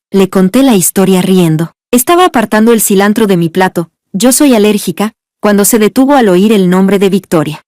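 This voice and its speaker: Woman narrator, calm first-person storytelling, warm dark tone, dry close mic. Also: medium pitch, no echo.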